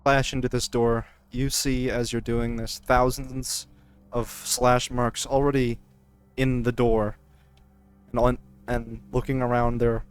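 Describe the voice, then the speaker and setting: Smooth-voiced man narrating a tabletop game. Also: medium pitch. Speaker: game master.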